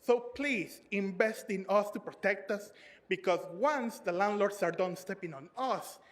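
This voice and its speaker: Man with a really high voice, pleading tenant speaking at city council, plain talk. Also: a little slow. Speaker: tenant giving public comment. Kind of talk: public comment.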